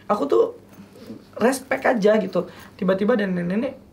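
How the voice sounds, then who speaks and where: A young man, a talk show guest, telling a personal story in a halting, earnest way and acting out remembered dialogue. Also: high-pitched, a little mellow.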